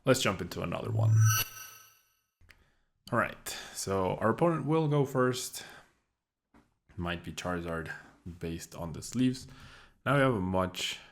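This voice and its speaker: A man's voice: animated, a little slow, long pauses, slight background noise. A young man casually commentating his own card game as he plays, thinking aloud with a dry, sarcastic streak. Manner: low-key, dryly sarcastic, thinking aloud. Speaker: gameplay commentator.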